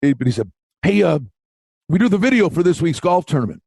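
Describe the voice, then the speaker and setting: A man's voice: fairly high pitch, sing-song, brisk, vocal fry, darkish tone, breathy edge, dry recording. A man co-hosting a golf betting show, telling a story in casual chat, stammering and restarting, acting out the people he quotes.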